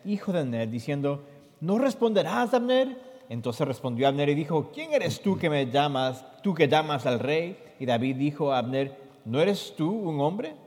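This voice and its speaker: Male sermon interpreter, fairly high voice, expressive scripture reading, hall echo. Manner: expressive reading that jumps high in the quoted questions. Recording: long hall reverb.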